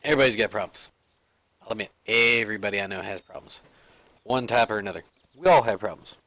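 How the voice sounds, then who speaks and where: A man's voice: lowish voice, fast talker, bright, forceful tone, dry recording. A man giving rambling, self-mocking, casual commentary while he plays a video game. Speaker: let's play gamer.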